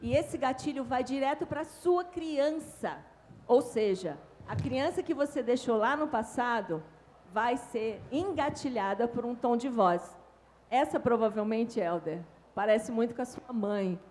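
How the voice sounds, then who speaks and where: A woman with a Brazilian Portuguese accent giving an animated talk on communication at a conference panel. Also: fairly high pitch, measured pace. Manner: animated, demonstrates tones with her own voice. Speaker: invited speaker on communication. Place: hotel conference stage.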